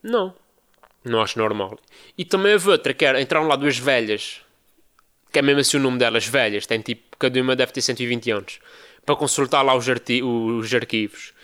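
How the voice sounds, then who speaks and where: Young portuguese guy ranting on his podcast, bright sharp voice, acts out other people. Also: a little fast, clean tone. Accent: European Portuguese. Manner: animated storytelling, mimics others in high voices. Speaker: podcast host. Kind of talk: casual podcast monologue.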